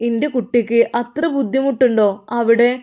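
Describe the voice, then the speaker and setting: A concerned, caring storybook mother, as a woman puts her on, soothing her child in a Malappuram Malayalam accent, voice fairly high. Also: fairly even intonation, fairly quick, dark tone, close to an everyday voice. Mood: worried.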